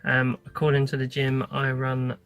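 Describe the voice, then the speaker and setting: A man's voice: medium pitch, completely flat delivery, moderate pace, a bit bright, clear, resonant tone. A British man in his thirties chatting casually and hesitantly to a phone held at arm's length inside a parked car, as a vlogger. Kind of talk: casual vlog talk to camera.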